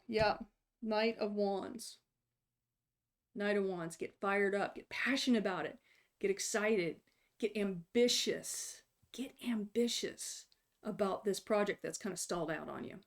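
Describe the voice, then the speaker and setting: A woman's voice: medium pitch, takes it slowly, pauses often. A woman giving an encouraging, casual tarot reading for an online video, often repeating short phrases for emphasis. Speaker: tarot reader.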